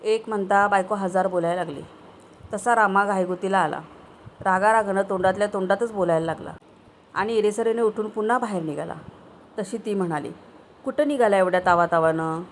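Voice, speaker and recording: A woman who hosts a storytelling channel, narrating a literary short story in a measured, steady way. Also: mid-range voice, a little hiss or hum, rough recording.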